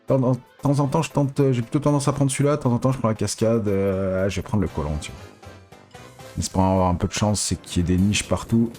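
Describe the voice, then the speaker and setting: A man giving excitable, casual live commentary as a casino streamer, pleading with the reels and swearing. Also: fairly low pitch.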